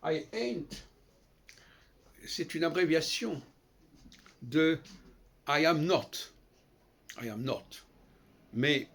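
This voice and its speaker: A man giving an unscripted, lecturing monologue on language, halting and digressive with frequent restarts. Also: on the high side, breathy edge. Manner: lecturing, explanatory. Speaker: solo commentator on language.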